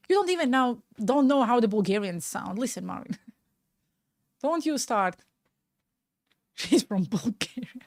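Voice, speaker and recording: Speaking to her live-stream audience in a relaxed, candid way, a young Latvian woman in her twenties uses a mid-range voice and a Latvian accent, frequently cutting off partway through words. The audio is studio quality with no room sound.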